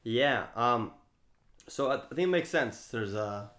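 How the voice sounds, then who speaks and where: A man's voice: medium pitch, lively intonation, a little slow, fairly bright tone. A man brainstorming a story in casual chat, rambling and loose, filling his talk with "like" and "you know". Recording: roomy echo.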